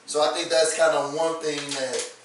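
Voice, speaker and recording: A man co-hosting a panel talk show, halting and repeating words as he poses motivational questions. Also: fairly high pitch, level tone, slight background noise. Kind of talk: casual panel discussion. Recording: echoey room from far off.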